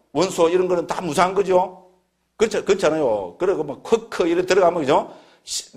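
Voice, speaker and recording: A man's voice: a little high, husky. A man who is a Buddhist monk, speaking as he gives a scripture lecture in a plain, folksy way and keeps asking his listeners rhetorical questions. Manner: plain-spoken, folksy and earnest.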